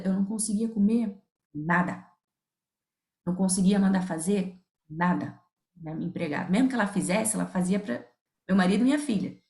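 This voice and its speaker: Gravelly Brazilian woman telling stories. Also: mid-range voice. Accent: Brazilian Portuguese. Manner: lively, laughs often, acts out remembered dialogue. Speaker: guest, nutritionist and professor. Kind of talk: candid conversational storytelling. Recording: roomy echo.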